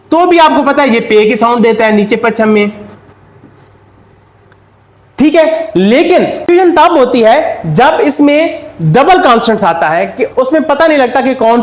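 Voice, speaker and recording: A man's voice: extremely high pitch, roomy sound. A man with a Pakistani Urdu accent, giving a step-by-step classroom lesson and answering his own questions. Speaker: Korean language teacher.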